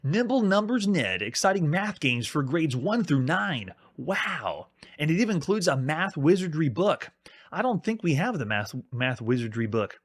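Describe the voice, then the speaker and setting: A young man with a slightly raised pitch, talking through retro games on a live stream. His commentary is loose and chatty, full of enthusiasm and quick reactions to the chat. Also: sing-song, slightly rough. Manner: enthusiastic, chatty, frequent laughs. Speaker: gaming stream host.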